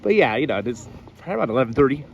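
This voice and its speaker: A man's voice: mid-range voice, big pitch swings, very fast, dull audio, a little hiss or hum. A man hosting a casual livestream from a theme park, chatting off the cuff. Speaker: livestream host.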